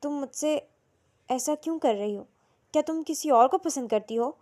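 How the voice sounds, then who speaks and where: A woman voicing a young husband who speaks quietly, coldly and firmly, in a storybook reading. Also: high voice, natural voice. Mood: cold, stern. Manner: quiet, cold and firm. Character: young husband, stern and wounded.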